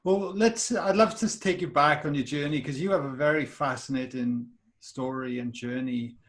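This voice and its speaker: A man's voice: mid-range voice, normal speed, fairly bright tone. Eager male podcast host. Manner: enthusiastic, repeats words when starting sentences. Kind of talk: podcast interview.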